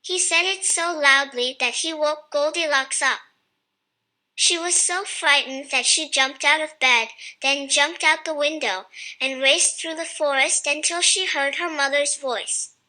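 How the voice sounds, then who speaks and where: Woman narrator for a kids' storybook: high, very bright voice, slow and even.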